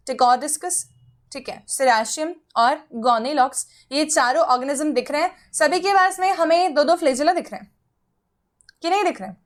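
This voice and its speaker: A young woman with a high voice and an Indian English accent gives an online biology lecture. She mixes Hindi and English and talks straight to her students, walking them through each point. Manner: mixes Hindi and English, explains step by step, addresses students directly. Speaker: biology teacher. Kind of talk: online exam-prep lecture.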